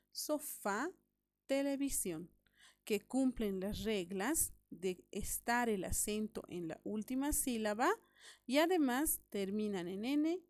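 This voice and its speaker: A woman's voice: fairly high pitch, a little mellow, no room sound. A woman teaching a recorded grammar lesson to young pupils, explaining step by step, repeating key points and checking that they follow. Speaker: primary school teacher.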